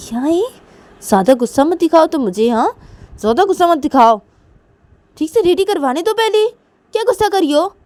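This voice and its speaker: A woman's voice: medium pitch, expressive, normal speed, pauses often, warm tone, voice pushed up, natural voice. A woman voicing a young woman who scolds insistently. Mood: scolding.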